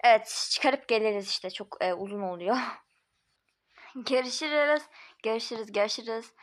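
A woman's voice: fairly high pitch, a little slow. A woman voicing a chatty, casual home-made doll role-play with several characters.

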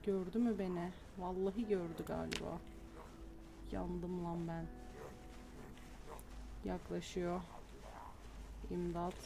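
A woman's voice: on the low side, flat delivery, slow pace, creaky, long pauses. A woman commenting casually on her own game play, muttering to herself, swearing and getting panicky. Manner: talks to herself, swears, panics and yells when chased. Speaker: gamer streamer.

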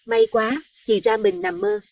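A man's voice: sits high, unhurried, a little mellow, no room sound, voice pushed up. A man voicing a terrified middle-aged village wife, pleading and chanting in panic. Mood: frightened.

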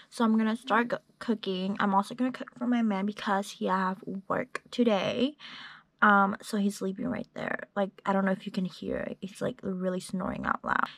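A young adult woman vlogs casually to a phone camera held at arm's length, in a small bedroom and a parked car. Her medium-pitched voice is a bit bright with vocal fry, and there's no echo. She rambles with lots of fillers.

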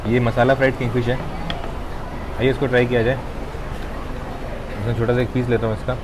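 A young man in his twenties hosting a casual food vlog, tasting dishes and describing flavors in a relaxed way with pauses to chew, on a lapel mic outdoors. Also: mid-range voice. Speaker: food vlogger. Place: outdoor rooftop restaurant terrace. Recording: outdoor noise in background.

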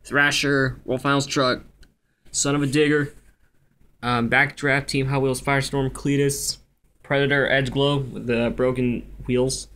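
A young man speaking quietly at night so as not to wake anyone, casually going through a collection item by item. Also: mid-range voice, little pitch movement, unhurried. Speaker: toy collector showing his collection. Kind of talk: casual collection walkthrough, listing items. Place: carpeted room at home. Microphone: handheld camera, held by the speaker.

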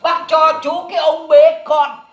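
A man's voice: very high-pitched, little pitch movement, measured pace, a bit bright, echoey room. An actor playing a jovial, money-loving village man who chides and coaxes. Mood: coaxing. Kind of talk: comedy sketch acting.

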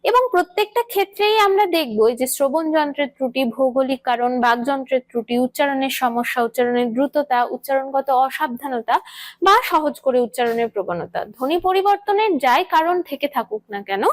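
A woman's voice: high-pitched, no echo. A woman with a West Bengal Bengali accent, giving an exam-prep grammar lecture, explaining patiently with many "ah" fillers and repeated key points. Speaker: teacher.

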